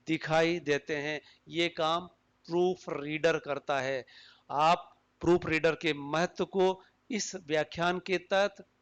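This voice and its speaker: A man giving a recorded lecture, explaining slowly and deliberately and reading examples aloud. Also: a little high, clean tone.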